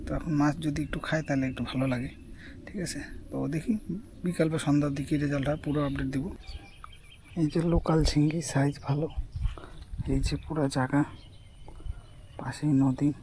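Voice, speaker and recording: A man's voice: a little high, fairly even intonation, brisk, pauses often, dark tone, slight background noise. Chatty man vlogging outdoors while fishing. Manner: chatty, shows off each catch, asks "ঠিক আছে?" often. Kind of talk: casual outdoor vlog narration. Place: outdoors by a river among rice fields.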